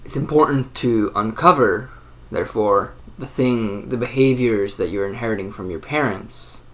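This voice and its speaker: Fairly low in pitch yet fairly bright, this young man's voice comes with a little hiss or hum in the recording. He's a channel host in his early twenties musing alone in a casual, rambling way, using plenty of fillers and restarting sentences often.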